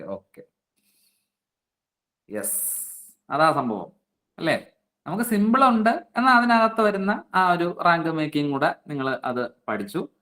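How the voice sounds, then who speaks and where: In an online exam-prep class, a man with a slightly high, somewhat bright voice reads out student names and checks their answers. His explanations are slow and coaxing.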